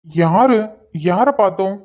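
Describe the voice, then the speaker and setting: A man's voice: sits high, a little slow, highs cut off. A man voicing a snappish, vengeful young businessman in a cartoon. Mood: irritated. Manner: snappish, menacing. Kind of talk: cartoon voice acting.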